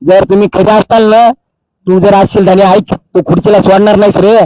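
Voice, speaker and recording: Angry activist, high dark voice, dry close sound, accusing and repetitive. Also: male voice, level tone, a little fast, dry recording, poor audio. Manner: furious, accusing, repeats phrases for emphasis. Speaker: social activist. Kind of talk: angry public tirade. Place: outdoors by a Holi fire.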